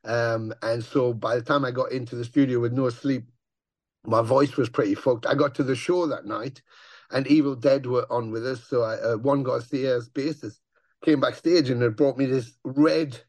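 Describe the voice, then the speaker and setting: Gravelly, swearing man. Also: mid-range voice, normal speed, no room sound. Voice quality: gravelly growl. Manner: swearing, animated storyteller who acts out voices. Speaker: touring metal musician, guest. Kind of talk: casual interview chat.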